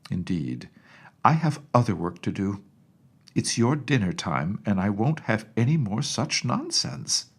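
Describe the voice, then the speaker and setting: A man's voice: lowish voice, very animated, unhurried, vocal fry, husky, heavily acted. A man voicing a stern, skeptical woman, a children's nurse, scolding and dismissive in storybook dialogue. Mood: vexed, scolding.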